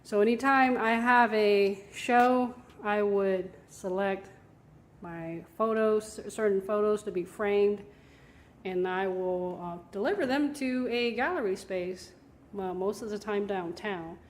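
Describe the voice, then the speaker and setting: A woman's voice: mid-range voice, slow. A young woman from Taiwan, an artist and photographer chatting casually on a tour of her home, laughing lightly between thoughts. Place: at home, indoor rooms. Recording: roomy echo of a home.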